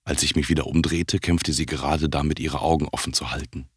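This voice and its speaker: Very deep, raspy male audiobook narrator. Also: fairly even intonation, brisk, dry recording, studio quality. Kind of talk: scripted first-person audiobook narration.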